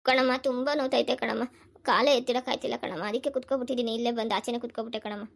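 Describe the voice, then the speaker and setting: A woman voicing a hurt, defiant schoolgirl in a cartoon, with a high, whiny, tearful voice. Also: steady tone, quick pace, gravelly. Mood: whimpering. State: crying. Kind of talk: cartoon voice acting.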